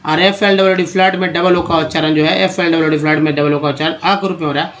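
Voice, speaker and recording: Indian man with a high voice, English reading lesson, slow drawn-out repeated words. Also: fairly even intonation, fairly bright tone. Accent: Indian Hindi. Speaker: English teacher.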